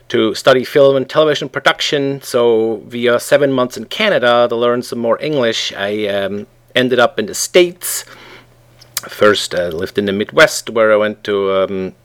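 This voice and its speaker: A middle-aged man from Switzerland, a guest on a podcast, talking in a relaxed way and often pausing with ums as he looks for words. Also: mid-range voice, smooth. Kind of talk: casual interview conversation.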